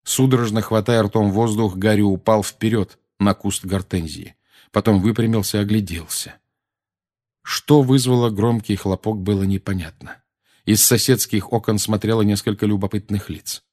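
A man narrating a novel as an audiobook in a steady, measured manner. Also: on the low side.

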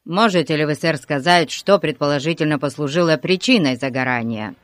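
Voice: medium pitch, fairly quick, dry recording, natural voice. Bossy village cop who barks everything, read by an audiobook narrator; dry close sound. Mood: stiffly polite. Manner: shouting orders. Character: bossy loud village policeman, man. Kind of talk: audiobook character voice.

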